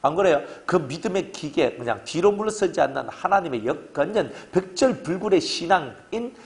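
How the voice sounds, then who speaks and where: A middle-aged man, preaching a sermon to his congregation in a lively, joking way and often asking them to agree. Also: on the high side, normal speed. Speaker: pastor.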